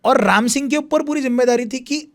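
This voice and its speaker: High-voiced man telling history. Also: a little fast. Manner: animated retelling with repeated phrases, acts out quotes. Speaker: history speaker, guest. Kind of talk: conversational storytelling.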